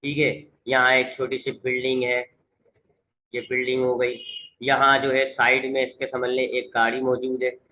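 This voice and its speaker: A man teaching a physics lesson online. He speaks slowly and deliberately, repeating points and switching between English definitions and explanation. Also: medium pitch, monotone, bright, forceful tone, poor audio. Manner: mixes English definitions into Urdu-flavored explanation, repeats for emphasis. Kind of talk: online classroom lecture.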